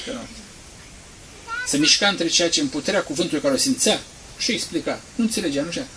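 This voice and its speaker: Male priest with a high voice, impassioned sermon delivery, quiet asides building to loud emphasis. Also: slight background noise, low-quality recording.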